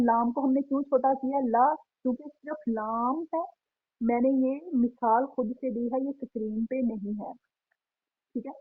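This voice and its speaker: A woman teaching a Quran recitation lesson, patiently repeating each point and drawing out sample syllables slowly. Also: fairly high pitch, dry recording. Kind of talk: online tajweed lesson. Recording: tinny phone-like sound, dry.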